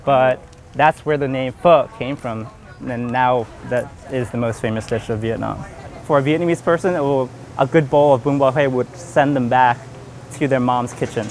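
A young man and home cook talking casually about his cooking in a relaxed, rambling way, full of fillers. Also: medium pitch, normal speed. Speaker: home cook hosting a dinner party. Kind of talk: casual documentary talk.

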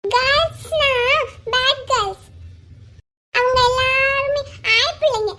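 A woman voicing a stubborn little boy who refuses to talk to girls, in a slow, childish cartoon voice. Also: extremely high pitch, pushed and bright, pitched above the performer's own voice, full character voice. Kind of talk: cartoon voice acting.

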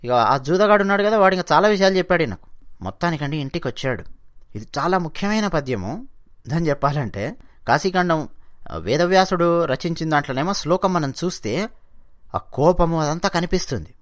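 A man narrating a devotional story, explaining verses politely and chanting them slowly. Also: a little high, animated, dry recording, studio quality. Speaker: religious storyteller.

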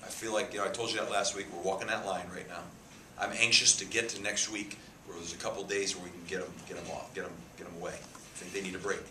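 Delivery is flat and fast from this low-voiced man, with hardly any pauses. He's a fifty-something head football coach at a press conference, emphatic, gesturing, repeating words. A table mic cluster picks him up in a press room with a sponsor backdrop; the room echoes and a faint hiss lingers.

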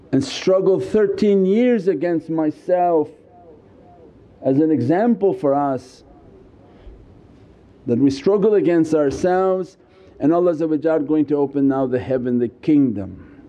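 Seated indoors on an ornate couch with curtains behind him, an older man teaches a spiritual lecture in a slightly high voice. The recording is muffled, and he gestures emphatically while speaking into a small stand mic placed in front of him.

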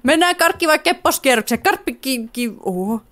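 A woman's voice: high-pitched, expressive, a bit bright, soft background music. A woman giving playful let's play commentary with a Finnish accent, giggling often and talking to the game character. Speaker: gaming YouTuber.

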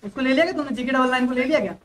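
A man's voice: very high-pitched, fairly bright tone, slight background noise. A young man streaming a mobile shooter game live, chatting with viewers and teammates and repeating orders over and over. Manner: rapid, repeats orders over and over, teasing banter. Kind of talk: live gameplay chat and commentary.

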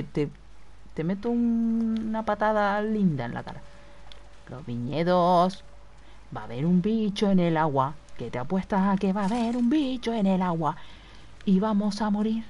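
Foul-mouthed animated woman streamer. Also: medium pitch. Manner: swears a lot, shouts at enemies. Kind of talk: live gameplay commentary.

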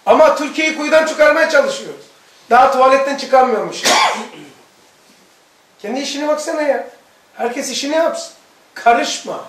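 High-voiced man preaching in an echoey room. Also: far from the mic. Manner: animated storytelling, acts out dialogue. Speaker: religious teacher. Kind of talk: sermon.

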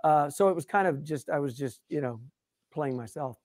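A man's voice: on the high side, moderate pace, no room sound, studio quality. A middle-aged man, a guest puppeteer, chatting casually in an interview and telling stories animatedly, with frequent restarts. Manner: animated, self-deprecating storyteller with frequent restarts.

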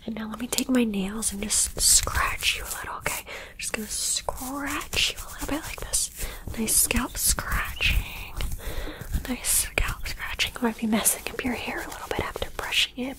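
A woman whispering through an ASMR roleplay, talking straight to the listener in soft, slow, repetitive soothing phrases with a playful touch. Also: fairly high pitch, rough recording. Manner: playful, addresses the listener directly. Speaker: ASMR creator.

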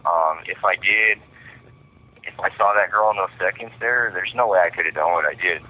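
A man with a deep, low voice tells his story over a prison phone line. He speaks haltingly and frankly, stopping often on "uh" and "um". The sound is thin and tinny, squeezed through a telephone. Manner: halting, many fillers, frank. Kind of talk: personal confession by phone.

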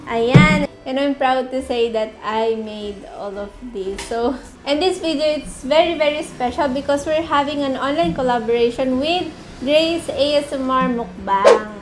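A woman's voice: sits high, a little slow, music in the background. A young woman with a Filipino accent, giggling often as she chats casually while hosting her food vlog and switching between Tagalog and English. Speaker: mukbang vlogger. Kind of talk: casual chat.

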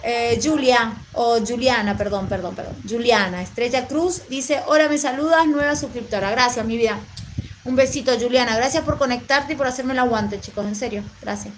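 Woman, Mendoza Argentine accent, high-pitched, affectionate livestream chatter. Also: normal speed, a little hiss or hum, rough recording. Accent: Mendoza Argentine Spanish. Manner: chatty, affectionate, rambling with fillers. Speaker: vlogger reading live chat. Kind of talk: live stream chat.

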